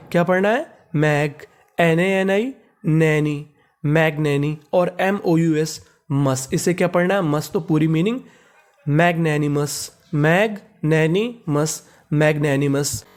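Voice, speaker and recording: Guy teaching english words, spells them out, keeps asking what do we read, kinda high voice. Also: measured pace. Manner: repeats each word and asks "what do we read?".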